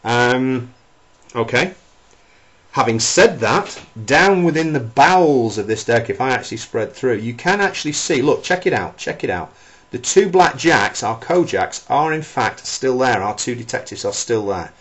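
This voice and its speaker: A man's voice: medium pitch, lively intonation, unhurried, a bit bright. A man performing as a theatrical card magician, talking a spectator through tricks with showy patter and repeated phrases for emphasis.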